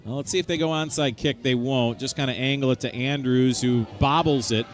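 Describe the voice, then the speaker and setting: A man's voice: medium pitch, fairly even intonation, a little fast. A man calling live American football play-by-play as the game's announcer. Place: outdoors at a football stadium.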